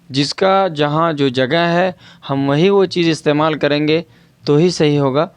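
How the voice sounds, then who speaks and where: A man teaches Quran reading online, speaking in a smooth, resonant, slightly high voice. He drills each syllable slowly and poses rhetorical questions to his students. The sound is close and dry, with no room echo. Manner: patient, repeats and stretches out syllables for drilling.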